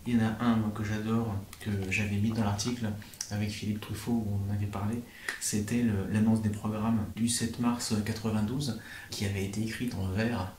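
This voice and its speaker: A man interviewing, speaking in a hesitant, halting way. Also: on the low side, level tone, darkish tone. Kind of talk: interview questions. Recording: roomy sound, off-mic, faint noise.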